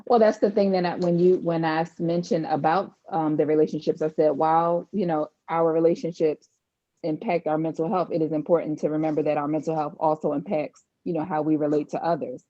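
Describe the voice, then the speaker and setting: A woman therapist explains things step by step in a calm, measured way. Her voice sits low and mellow. The recording is slightly dull and lo-fi. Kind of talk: advice in podcast conversation. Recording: dull lo-fi sound.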